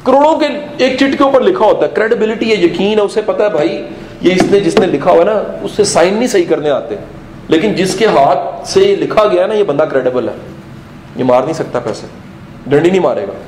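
A man giving an animated motivational lecture to a live audience, full of rhetorical questions and bits of English and Punjabi. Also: high voice, brisk, reverberant, a little hiss or hum, rough recording. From Pakistan. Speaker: motivational speaker.

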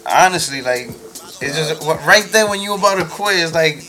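A man's voice: fairly high pitch, expressive, moderate pace, bright, forceful tone. A man with a Dominican accent in a casual podcast chat, using street slang and switching between English and Spanish. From Dominican Republic. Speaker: guest DJ. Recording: music behind the voice.

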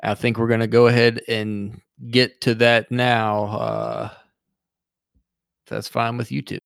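Animated man hosting a podcast. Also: mid-range voice, unhurried, gravelly, clear, resonant tone, no echo, clean studio sound. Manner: animated, jokey. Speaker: podcast host. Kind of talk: casual podcast chat. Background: spooky background music.

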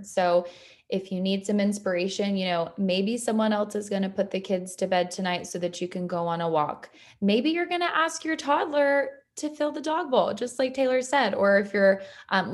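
A woman co-hosting a lifestyle podcast, speaking in an earnest, encouraging way. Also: mid-range voice. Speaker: podcast co-host. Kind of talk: casual podcast chat.

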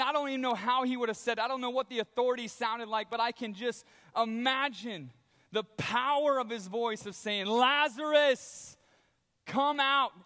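A man preaching a sermon as a pastor, telling the story in a conversational, animated way. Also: extremely high pitch. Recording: long reverb of a large hall.

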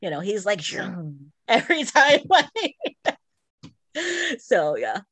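Slow and sing-song, this middle-aged woman's medium-pitched voice has a sharp, slightly rough edge, recorded with no echo. She co-hosts a podcast and talks casually about video games and her other hobbies.

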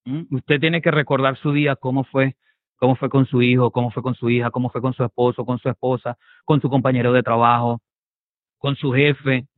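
A man's voice: medium pitch, little pitch movement, moderate pace, dry recording. A man preaching a sermon as pastor, asking rhetorical questions and checking in with listeners through short tag questions. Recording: dry, tinny phone-like sound.

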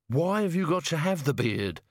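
A man's voice: fairly high pitch, big pitch swings, moderate pace, no room sound, clean studio sound, pitched above the performer's own voice. A man voicing a crabby, coarse old male servant with blunt, slangy talk. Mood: grumbling.

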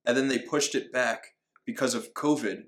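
A man talks bluntly in a casual podcast chat, swearing freely and restarting his sentences as he goes. His voice has an ordinary middle pitch for a man. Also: steady tone, moderate pace, fairly bright tone. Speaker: podcast co-host.

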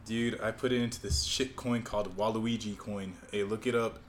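A man's voice: on the low side, fairly even intonation, moderate pace. A man with a brash, slangy way of talking, joking crudely as a podcast guest in a garage. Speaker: returning guest and former co-host. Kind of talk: casual, crude joking banter. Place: in his own garage. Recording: noisy garage recording with clicks.

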